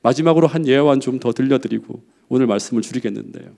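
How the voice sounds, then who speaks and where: A man's voice: medium pitch, fast, gravelly, a little mellow. A male pastor preaching a sermon, telling a personal story in a heartfelt, earnest way.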